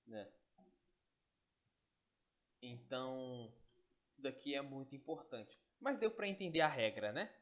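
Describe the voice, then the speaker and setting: A man's voice: medium pitch, lively intonation, a little slow, pauses often, a bit bright. Patient man teaching a lesson. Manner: patient, step-by-step, checks with tag questions. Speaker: Greek teacher. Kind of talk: online lesson explaining on screen.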